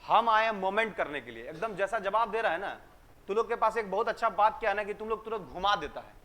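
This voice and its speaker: High, bright-voiced joking teacher. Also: male voice, animated, fast talker. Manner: joking storyteller, fires questions at students and repeats their answers. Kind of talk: classroom lecture with jokes and quizzing. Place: classroom.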